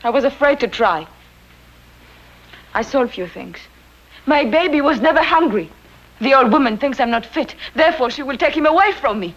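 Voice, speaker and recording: A woman's voice: sits high, expressive, moderate pace, long pauses, dull audio. An actress playing a guarded young immigrant mother, terse and defensive. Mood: fearful. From Czechoslovakia. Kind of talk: 1950s television drama acting.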